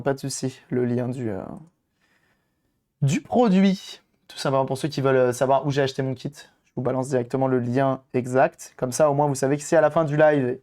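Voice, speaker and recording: A hoarse man on a live stream, chatting casually with viewers and thinking aloud as he tinkers with electronics. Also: medium pitch, darkish tone. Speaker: streamer doing electronics modding. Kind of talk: casual live-stream chat while working.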